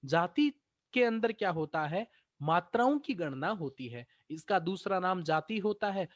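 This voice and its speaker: A man with a fairly high voice teaches Sanskrit grammar to exam students. He explains patiently and repeats each point, often posing a question and then answering it himself. The sound is dry and close, with no room around it. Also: no room sound. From India. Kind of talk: exam-prep grammar lecture.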